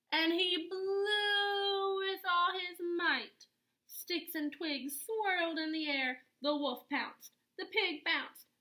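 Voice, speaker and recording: Reading a picture book aloud to children, a woman with a very high-pitched voice plays the expressive storyteller, dramatic and full of emphatic pauses.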